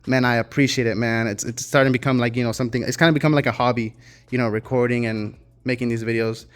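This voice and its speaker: A man's voice: mid-range voice, steady tone, fast. Rambling, laid-back young shop guy. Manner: loose, rambling talk with fillers and restarts. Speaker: custom car shop owner. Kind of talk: casual shop vlog.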